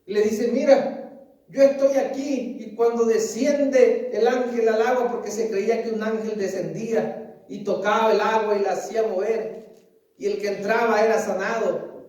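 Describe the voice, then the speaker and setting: A man's voice: sits high, little pitch movement, normal speed, a little mellow. A man preaching a sermon as pastor, earnestly pressing his listeners with repeated questions and calling them dear brother. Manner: keeps asking "¿sabes?" and calls listeners "querido hermano". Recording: echoey, distant mic.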